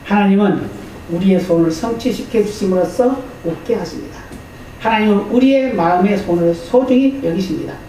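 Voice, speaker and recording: A man's voice: high-pitched, a little fast, vocal fry, warm tone. Pastor guy preaching, chatty, keeps asking the folks questions, sounds far off in a big echoey church. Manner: conversational, asks the congregation questions. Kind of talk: sermon. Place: church sanctuary. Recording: echoey hall, distant mic, faint noise.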